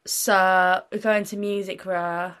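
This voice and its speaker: A woman's voice: mid-range voice, level tone, takes it slowly, a bit bright, clean tone. A sixteen-year-old girl from Britain, a young singer answering interview questions in a casual, giggly, rambling way with lots of fillers. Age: teens.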